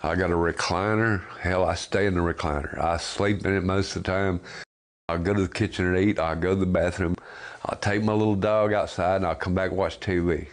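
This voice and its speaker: Deep-voiced plainspoken Southern man. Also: steady tone, brisk. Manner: plainspoken, blunt. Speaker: exonerated death row prisoner. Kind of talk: documentary interview.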